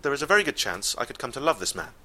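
A man telling a comic story live, wry and exasperated, with deadpan asides. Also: mid-range voice, very fast, a little hiss or hum.

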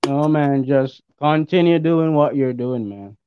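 Guy on a tinny phone-like line, mid pitch, podcast guest chatting football, emphatic, repeats himself. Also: unhurried, noisy background. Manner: emphatic, repeats his points. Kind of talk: casual, opinionated football chat. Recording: thin, band-limited remote call sound.

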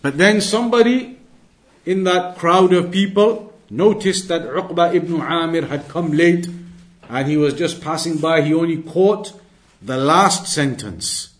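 A religious teacher with a voice on the high side gives an Islamic lesson at a measured pace. He recites and explains narrations emphatically, often repeating phrases for clarity.

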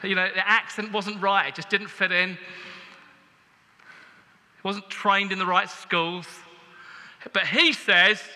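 A man's voice: high-pitched, little pitch movement, slow, long pauses, pushed and bright, big-room sound. A man preaching a sermon in a church, with a conversational, humorous and emphatic way of talking.

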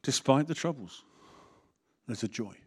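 Conversational vicar preaching. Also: male voice, medium pitch, lively intonation, measured pace, darkish tone, breathy edge. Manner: candid, conversational preaching with jokes and asides. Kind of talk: sermon.

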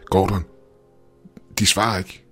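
Guy voicing a scared lady astronaut, husky, pushed up high and loud for a deep voice. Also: little pitch movement, faint music behind. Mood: panicked. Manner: urgent, raised, higher pitched. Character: female astronaut, panicked, desperate.

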